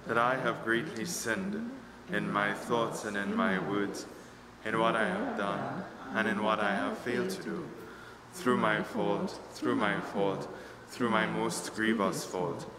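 A man leading Mass as priest, reciting set prayers in a measured, solemn way, his voice ringing with cathedral echo. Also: on the low side, expressive, a loud crowd. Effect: cathedral echo, long church reverberation. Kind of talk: liturgical recitation. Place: large church. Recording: echoey church hall with ambient noise.

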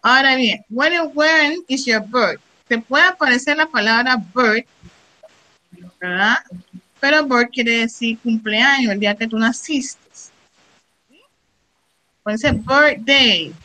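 A middle-aged woman leads an English lesson, her voice bright and a little high. She reads English phrases slowly, then explains them, checking in with the class again and again. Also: rough recording. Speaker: English teacher.

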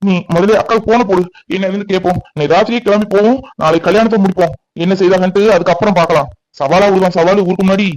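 A man's voice: high-pitched, fairly even intonation, darkish tone, lightly acted, rough recording. A man voicing a hot-tempered father. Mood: angry. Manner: anxious, agitated, fast.

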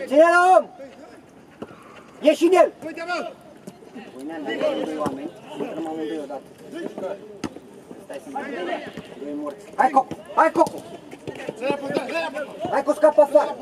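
A man playing amateur football, urgently shouting instructions and calling teammates by name. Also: very high-pitched, big pitch swings, vocal fry, long pauses. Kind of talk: shouting on the pitch during a match. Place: outdoor football pitch. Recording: loud crowd and outdoor noise.

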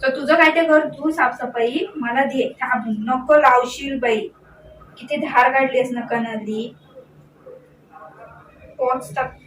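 A young woman with a slightly high voice talks slowly to her dogs at home, coaxing them and fondly scolding them in short, repeated commands. She is recorded from some distance, so her voice carries a roomy echo. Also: steady tone, a little hiss or hum. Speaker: pet vlogger. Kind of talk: casual talk to pet dogs.

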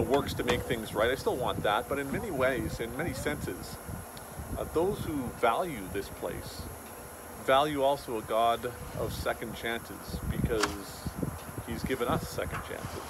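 A man in his forties with a mid-range voice delivers an informal, reflective devotional message to the camera, pastor-style, in a halting but earnest way. He's outdoors beside a road and a small wooden chapel, and passing vehicles make the background loud.

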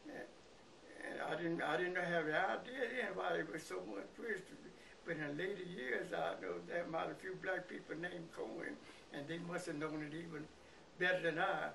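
A very old man of about a hundred with a Southern US accent and an aged, creaky voice, reminiscing haltingly in an interview. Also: high-pitched, sharp tone. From Mississippi, United States. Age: very old, about 100. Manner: halting, repeats words and pauses. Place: living room by a window, indoors. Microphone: camera a few feet away. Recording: noisy, distant room camera recording.

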